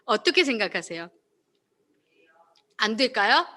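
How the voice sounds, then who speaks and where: A woman's voice: on the high side, unhurried. A woman giving a devotional Bible talk, speaking expressively and putting questions to her listeners. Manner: expressive, asks listeners questions, acts out quotes.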